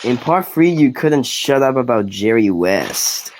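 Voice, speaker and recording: A man's voice: mid-range voice, expressive, a little slow, slight background noise, low-quality recording. A man giving casual, rambling commentary while playing a game, often restarting his sentences. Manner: rambling, restarts sentences, laughs at own jokes. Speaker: gaming commentator.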